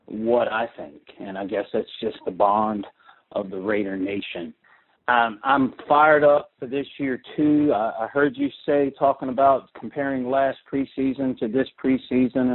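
Radio show caller, man from the US East Coast, excitable and rambling, mid-pitched voice over a thin phone line. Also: husky. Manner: fired-up, rambling, repeats words. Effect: call-in caller heard over a phone line. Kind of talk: fan call-in rant.

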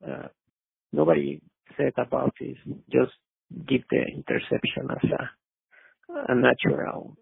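A caller from Mexico City who speaks English. His voice is deeply gravelly and very raspy, and he speaks slowly. He is heard over a dry, narrow phone line, polite and halting. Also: flat delivery, dry recording. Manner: hesitant, polite, many "uh" fillers. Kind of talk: call-in sports talk.

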